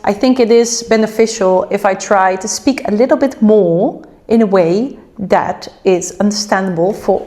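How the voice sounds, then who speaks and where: Young Dutch woman, home vlogger, rambling and chatty, pitch sits a bit high, Dutch accent kept. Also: a little mellow. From Netherlands. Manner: chatty, rambling, self-aware. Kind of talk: casual vlog chat while cooking. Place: home kitchen.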